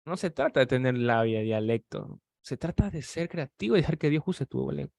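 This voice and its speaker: Animated male preacher telling a story. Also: mid-range voice, moderate pace, gravelly, no room sound. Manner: animated storytelling, acting out quoted dialogue; addresses the audience directly with practical exhortation. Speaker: preacher teaching evangelism. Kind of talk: sermon with personal story.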